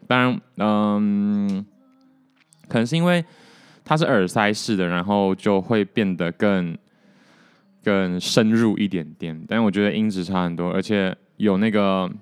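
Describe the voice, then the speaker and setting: Low-voiced young man chatting casually. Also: moderate pace, clean tone, no echo. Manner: relaxed, rambling, self-deprecating. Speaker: podcast host. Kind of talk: casual solo podcast chat.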